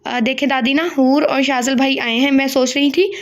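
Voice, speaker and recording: A woman's voice: high voice, steady tone, moderate pace, close to an everyday voice. A woman reading aloud as a cheeky, talkative young bride-to-be, in a playful, teasing manner.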